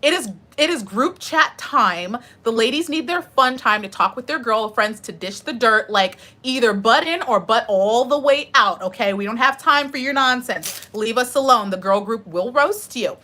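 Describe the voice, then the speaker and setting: Woman streamer, young adult, casual chat, bright forceful tone, chatty. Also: on the high side, moderate pace, few pauses. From United States. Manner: chatty, animated, answers chat questions. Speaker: live streamer.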